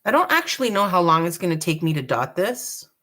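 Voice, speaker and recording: A woman hosting a live dot painting tutorial, chatty and relaxed, joking about her own nerves. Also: on the low side, brisk. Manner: chatty, relaxed, self-deprecating. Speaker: craft tutorial host.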